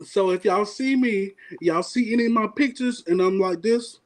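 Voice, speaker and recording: A man co-hosting a podcast, telling a story in casual chat, animated and laughing often as he acts out what people said. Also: high-pitched, normal speed, rough recording. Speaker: podcast co-host.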